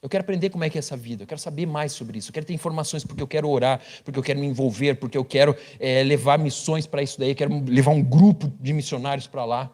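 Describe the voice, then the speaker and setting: A man, preaching a sermon as pastor with humorous, animated storytelling. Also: mid-range voice, rapid-fire, few pauses.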